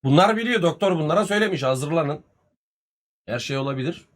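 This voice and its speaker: A man, telling a story casually on a live stream, animated and full of swearing and reported speech. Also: on the high side, fairly quick. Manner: profane, animated retelling with much reported speech.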